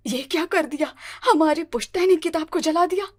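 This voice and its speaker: A woman's voice: very high-pitched, moderate pace. A woman voicing a strict, domineering older mother-in-law in a cartoon, with a commanding, scolding manner. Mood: stern. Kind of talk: cartoon voice acting.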